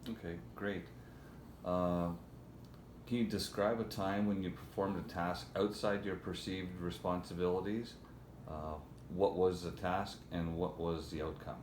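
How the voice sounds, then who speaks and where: Deep-voiced male interviewer in echoey room. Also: steady tone, unhurried, a little mellow. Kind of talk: formal scripted interview questions. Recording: echoey room, faint background noise.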